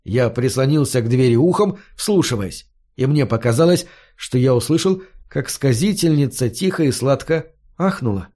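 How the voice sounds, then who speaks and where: A man's voice: mid-range voice, lively intonation, normal speed, dark tone. A man reading a first-person fantasy story aloud, narrating expressively. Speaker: audiobook narrator.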